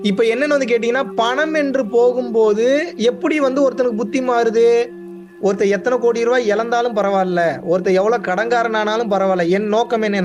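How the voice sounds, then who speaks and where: A young man speaking as a spiritual teacher, explaining to his listeners with emphatic repetition and frequent questions. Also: high-pitched. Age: young adult. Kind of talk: spiritual discourse to an audience.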